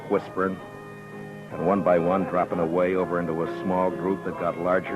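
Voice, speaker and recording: An actor playing a steady, stubborn frontier marshal who also narrates a 1950s radio western. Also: male voice, low-pitched, natural voice. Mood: somber narration. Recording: dull old radio recording, music behind.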